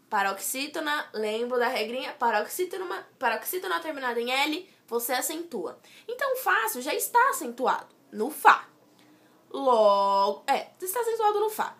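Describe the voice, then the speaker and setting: Woman, slow unhurried delivery, casual tutor explaining rules step by step. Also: high voice, bright, forceful tone. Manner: explains step by step, with restarts and "certo?" checks. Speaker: student tutor.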